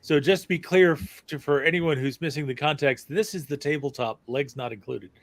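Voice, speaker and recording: A middle-aged man co-hosting a casual stream, talking haltingly with many ums and dry jokes. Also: fairly high pitch. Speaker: co-host. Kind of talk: casual chat.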